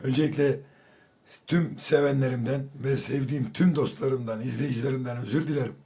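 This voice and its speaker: A man with a hoarse voice from a sore throat, straining with effort to get his words out as he addresses his viewers in an apologetic announcement. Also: mid-range voice, steady tone, fairly quick, warm tone. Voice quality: husky, strained. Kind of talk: apologetic video announcement to camera.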